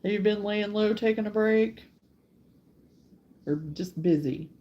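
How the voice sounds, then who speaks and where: Her mid-range voice is warm, though the audio is dull, as this middle-aged woman runs a relaxed live crochet stream at her rural home. She's chatty and lingers over greetings to commenters.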